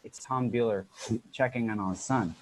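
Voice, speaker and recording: A man reading stage directions in a brisk, matter-of-fact way at an unrehearsed script read-through. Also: lowish voice, slight background noise, low-quality recording.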